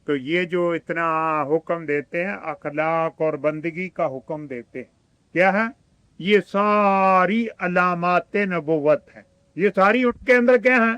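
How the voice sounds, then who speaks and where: Male preacher, Urdu-speaking Pakistani accent, high crisp voice, dry close sound, quotes Arabic verses. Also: sharp tone, no echo. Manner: rhetorical questions to the audience. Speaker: religious teacher. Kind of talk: sermon.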